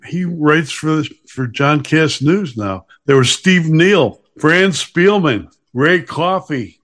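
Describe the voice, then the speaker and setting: A man's voice: fairly high pitch, fairly bright tone. Sarcastic, combative male podcast host. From Chicago. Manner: sarcastic, combative, slips into mocking voices. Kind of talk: opinionated podcast monologue with sponsor reads.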